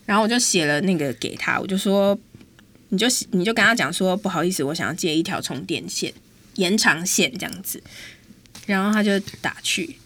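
A woman's voice: fairly low pitch, a little fast, a bit bright. A woman, telling a story in a casual, exasperated chat as host. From Taiwan.

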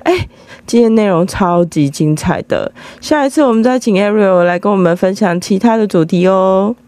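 A woman hosting a podcast in casual chat, teasing and animated. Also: mid-range voice, normal speed, dry recording. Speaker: podcast host.

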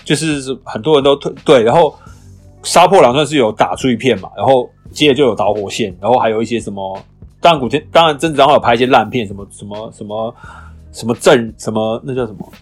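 A man's voice: medium pitch, slightly rough, faint music behind. A man co-hosting a casual podcast chat, retelling movie scenes with acted-out lines. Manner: fast, animated storytelling with acted-out movie lines. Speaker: podcast co-host.

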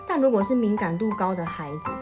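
A woman's voice: medium pitch, lively intonation, quick pace, music in the background. A woman co-hosting a children's programme, explaining parenting matters conversationally. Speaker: co-host. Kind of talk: parenting chat.

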